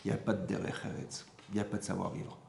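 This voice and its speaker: A man, a rabbi, giving an informal Torah lesson, animated and often checking with his audience through rhetorical questions. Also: deep voice, quick pace, creaky, slight background noise. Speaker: rabbi teaching a class. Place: synagogue hall. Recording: roomy hall echo.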